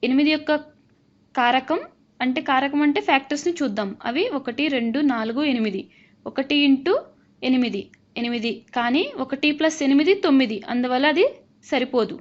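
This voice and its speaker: A woman's voice: sits high, brisk. A woman teaching a math lesson as a voice-over, patiently explaining steps and asking learners to check along. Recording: slightly dull lo-fi recording.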